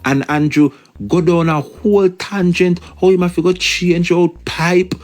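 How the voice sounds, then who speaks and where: A man's voice: high voice, steady tone, a little slow, a little mellow. A man with a Jamaican accent giving casual political commentary, emphatic and repetitive, slipping into patois.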